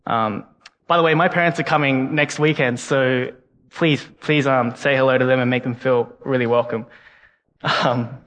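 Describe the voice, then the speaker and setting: In a reverberant church hall, a young man delivers a sermon as a guest preacher, speaking earnestly and repeating words frequently. He has a medium-pitched, slightly bright voice with fairly even intonation at normal speed, and an unplaced non-Canadian English accent.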